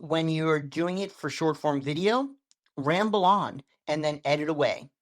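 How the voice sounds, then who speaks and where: A man's voice: on the high side, a little slow. A man being interviewed as a social media coach, telling stories with shifting speed and tone on what sounds like a video call. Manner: animated storyteller, varies speed and tone for effect. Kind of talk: podcast interview.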